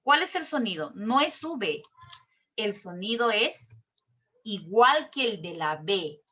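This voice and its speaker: A woman's voice: mid-range voice, big pitch swings, bright, forceful tone, lo-fi sound. A woman teacher explaining a lesson in an online class, patient and step by step, checking with questions as she goes. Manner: slow and drawn out. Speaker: language teacher.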